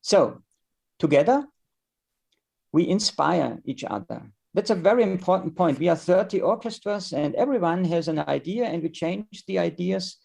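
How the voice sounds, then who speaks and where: A man with a German accent giving a conference presentation in English, halting and searching for words as he goes. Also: sits high, animated, gravelly, darkish tone, slightly rough. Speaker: conference speaker.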